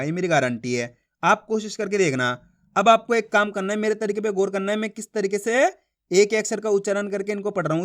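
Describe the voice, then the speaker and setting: A man's voice: high-pitched, a bit bright. A man teaching beginners to read Hindi, drilling syllables with repeated questions and answers. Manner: repetitive drilling with questions to the learner. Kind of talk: classroom-style lesson.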